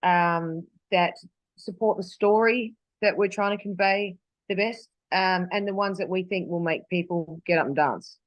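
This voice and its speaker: An Australian singer, a woman guest, rambles through a casual interview chat over a video call, full of restarts and fillers. Her voice sits on the low side and moves a little slowly. The audio is poor, though there's no echo.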